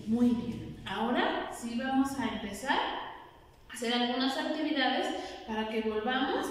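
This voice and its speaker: A kindergarten teacher, singing and guiding small children through a lesson in a sing-song, encouraging way. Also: female voice, sits high, animated, a little slow. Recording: echoey room, far from the mic.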